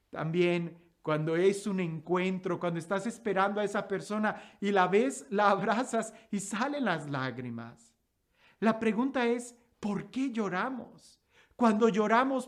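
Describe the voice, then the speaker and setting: A woman preaching a daily Gospel reflection, asking repeated rhetorical questions and letting her voice sink low and soft at the end of phrases.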